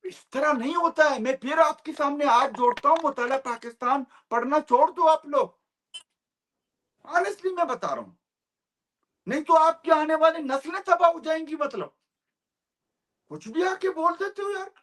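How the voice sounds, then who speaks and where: A man's voice: extremely high pitch, moderate pace, a bit bright. A man from Balochistan joining a heated debate by video call, indignant and insistent, dropping English phrases into his speech. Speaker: debate guest. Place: abroad, joining remotely.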